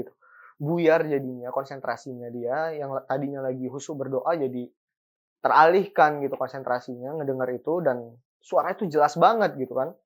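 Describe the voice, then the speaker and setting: A host telling a ghost story in a chatty, casual way, full of fillers and building suspense. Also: medium pitch.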